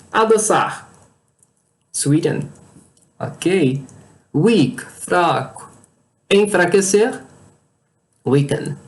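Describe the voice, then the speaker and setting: A teacher, explaining a language lesson with patient care and reading word lists one word at a time. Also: mid-range voice. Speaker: English teacher.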